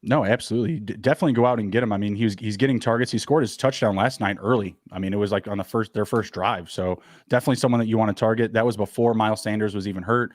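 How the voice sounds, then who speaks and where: A man co-hosting a casual fantasy football podcast, rattling off stats quickly with plenty of fillers. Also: on the low side, dry recording, studio quality. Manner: quick, upbeat, stat-heavy talk with fillers. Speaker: podcast co-host.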